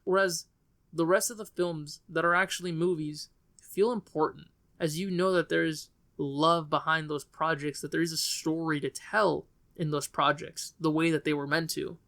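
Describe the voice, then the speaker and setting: Outspoken male film reviewer, slightly high voice. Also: a bit bright. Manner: opinionated and frank, with loose trailing phrasing. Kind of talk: casual film review vlog.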